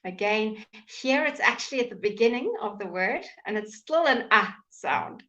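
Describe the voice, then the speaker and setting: In an online lesson, a woman teaches English pronunciation, articulating slowly, carefully and with exaggeration so each sound can be heard. Her mid-range voice is animated and a bit bright, and the recording has its highs cut off.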